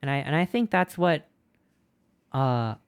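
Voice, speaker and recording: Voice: mid-range voice, a little slow, smooth. Gushing, breathless streamer. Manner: gushing, excitable, repeats itself. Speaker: streamer reviewing fan art. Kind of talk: casual live-stream chat. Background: faint background music.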